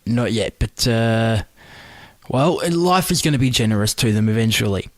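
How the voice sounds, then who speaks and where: A man's voice: medium pitch, lively intonation, moderate pace, no echo. A man co-hosting a podcast, chatting casually and jokingly about a TV pilot. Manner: joking, swears, slips into mimicry. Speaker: podcast co-host. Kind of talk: casual review chat.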